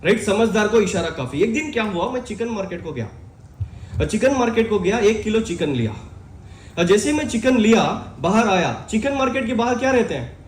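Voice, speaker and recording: A man giving an energetic live motivational seminar talk, shouting questions out to his audience in a large hall. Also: high voice, brisk, slight background noise. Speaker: motivational speaker. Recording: echoey hall with crowd.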